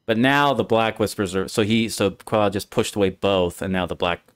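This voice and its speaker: A man's voice: lowish voice, normal speed, smooth. A man talking through a game's ending in a casual discussion, thinking aloud and often restarting his sentences. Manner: thoughtful, restarts mid-sentence while reasoning aloud. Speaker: streamer and co-host.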